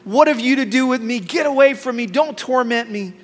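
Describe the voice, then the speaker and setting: A man's voice: very high voice, brisk, voice pushed up. A man voicing a frantic male demon who begs, pleading in a raised voice. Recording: long hall reverb.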